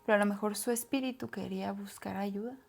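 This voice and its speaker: A woman's voice: mid-range voice, steady tone, fast talker, creaky, darkish tone. A woman co-hosting a casual Bible discussion, agreeing and adding reflections. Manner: agreeable, fills in with frequent "ujú" and echoes. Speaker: Bible study co-host.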